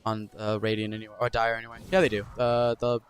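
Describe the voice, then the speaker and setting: A man's voice: fairly low pitch, completely flat delivery, quick pace. A man giving casual play-by-play esports commentary, thinking aloud, hedging and correcting himself as he goes. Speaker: esports caster.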